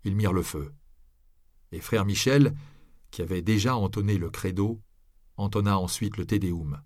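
Male audiobook narrator, low voice, measured delivery, dry studio sound. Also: a little mellow, no room sound.

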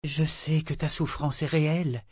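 A man reading aloud, voicing a wise, gentle female living ship who speaks softly and slowly. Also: fairly high pitch, husky, no room sound, clean studio sound, pitched above the performer's own voice. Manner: soft, slow and calm.

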